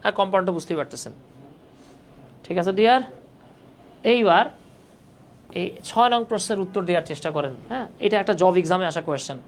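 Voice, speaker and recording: Speaking fast but pausing often, the teacher uses a medium-pitched voice to lead a live online grammar lesson for job exam prep, with slight background noise. Points are repeated patiently, and students' understanding is checked again and again.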